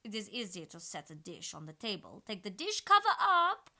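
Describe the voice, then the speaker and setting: A woman reading aloud, voicing a gentle, scatterbrained queen who coos her words in a sing-song way. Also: medium pitch, wildly swooping pitch, moderate pace, pitched above the performer's own voice, exaggerated voice. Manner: cooing like a pigeon.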